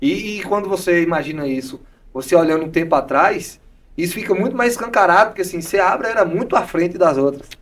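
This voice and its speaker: Quick, agreeable male podcast host, slightly off-mic. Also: high-pitched, lively intonation, a bit bright, recorded from a distance. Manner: quick, agreeable interviewer, frequent affirmations. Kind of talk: podcast interview.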